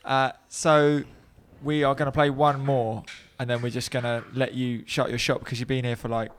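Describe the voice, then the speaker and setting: A man's voice: medium pitch, flat delivery, normal speed. A man hosting a casual radio chat in a record shop, joking in laid-back banter. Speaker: radio show host.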